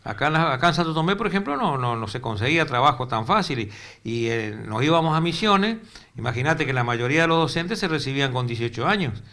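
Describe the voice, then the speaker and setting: An older Argentine man with a Corrientes accent speaks as a TV interview guest. His voice is bright and forceful at a middle pitch, and he strings his memories together loosely, often repeating words before he finds the next one. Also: lively intonation, fast talker. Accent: Argentine Spanish, Corrientes. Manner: rambling, repeats words while searching for them. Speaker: retired teacher, interview guest. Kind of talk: casual interview. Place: local cable TV studio.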